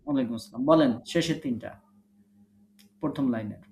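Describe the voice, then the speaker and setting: A man's voice: medium pitch, fairly quick, a little mellow, reverberant. A man teaching a recitation class online, patiently correcting students and modeling short vowel sounds for them to repeat. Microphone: online video call.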